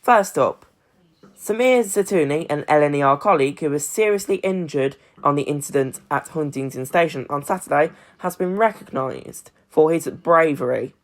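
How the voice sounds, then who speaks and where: A young British man reading an amateur news bulletin from a script in a measured, formal way. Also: a little high, animated. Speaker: news presenter.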